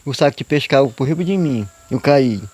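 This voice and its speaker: A man's voice: medium pitch, lively intonation, normal speed, warm tone, no room sound. A man, telling a true story in a rambling, repetitive, folksy way, often adding "né?". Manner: rambling, repetitive folksy narration with frequent "né?" and "eu digo". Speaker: storyteller guest. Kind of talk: casual spoken storytelling of a true tale.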